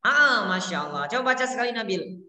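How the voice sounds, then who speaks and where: A woman teacher with a fairly high, bright, forceful voice patiently drills pronunciation with young pupils. She repeats words slowly and praises each child with short classroom phrases. The sound bounces around an echoey room with a long reverb tail. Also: lively intonation. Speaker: Arabic teacher.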